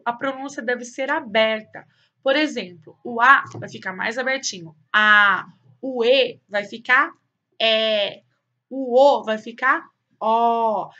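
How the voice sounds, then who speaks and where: A woman with a Brazilian Portuguese accent, teaching a cheerful remote class and saying example words slowly and loudly. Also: on the high side. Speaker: schoolteacher.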